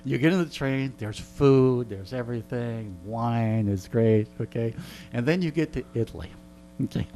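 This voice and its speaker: This man speaks at medium pitch with a dark tone and an ordinary pace. He's a radio studio interviewee spinning casual anecdotes, joking and wandering as he goes, over a faint mains hum.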